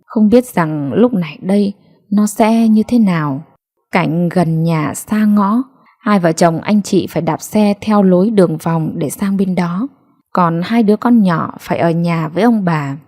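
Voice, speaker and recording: A woman storyteller giving slow, sorrowful audiobook narration. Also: fairly low pitch, mellow.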